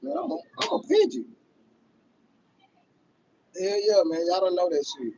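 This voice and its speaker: A high-pitched man in his thirties with a very lively voice that jumps around, ranting on a livestream. He is loud, profane and laughing as he talks to his viewers. The audio is dull and lo-fi. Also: unhurried, gravelly, slight background noise. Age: 30s. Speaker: livestream host. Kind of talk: casual livestream rant.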